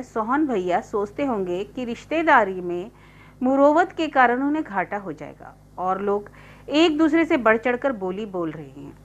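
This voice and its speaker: A woman reading a literary short story aloud as audiobook narration, in steady first-person storytelling. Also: on the high side. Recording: dull lo-fi recording.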